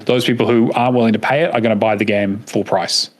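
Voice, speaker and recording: A man's voice: on the low side, steady tone, fast talker. A man co-hosting a gaming podcast in casual chat, rambling with many fillers and restarts and swearing freely. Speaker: podcast co-host.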